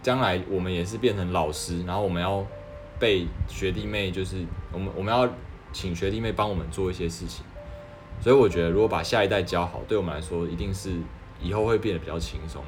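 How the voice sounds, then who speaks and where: A young man talks casually as a doctor passing on advice. His voice sits fairly low. He keeps asking rhetorical questions and often restarts his sentences, while faint music plays underneath. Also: quick pace. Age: 20s. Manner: earnest and persuasive, asks rhetorical questions, frequent restarts.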